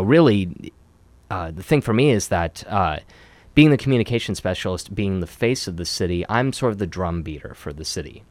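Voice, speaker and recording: Man from Oregon, very low voice, dry close sound; upbeat, chatty interviewee. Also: no echo. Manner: upbeat, chatty, many fillers. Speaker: city communications specialist. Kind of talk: conversational interview answers.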